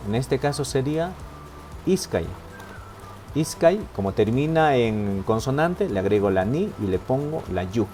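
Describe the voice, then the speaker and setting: Patient male teacher, unhurried, mid-pitched, faint music under him. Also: lively intonation, dark tone. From Peru. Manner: slow and patient, checks in with "¿sí?" and "¿no?". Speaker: language teacher. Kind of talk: online lesson, explaining step by step.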